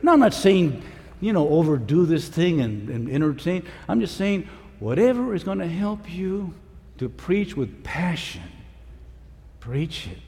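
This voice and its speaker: Man preaching, high lively voice, big echoing hall, shouts then hushes. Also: a little slow. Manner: animated, swings between shouting and hushed pleading. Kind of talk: conference sermon. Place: conference hall. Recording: large hall with long reverb.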